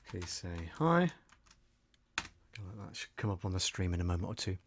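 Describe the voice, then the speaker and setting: A middle-aged voiceover producer and streamer mutters to himself while working, giving casual live-stream commentary into a close desk microphone in a small indoor studio. His voice is low-pitched and sing-song, the pace is slow, and there's background noise.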